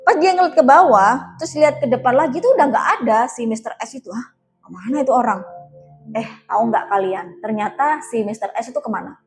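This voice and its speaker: A woman's voice: fairly high pitch, quick pace, faint music behind. Chatty woman telling a story. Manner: chatty, addresses listeners directly, many fillers. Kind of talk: casual spoken storytelling.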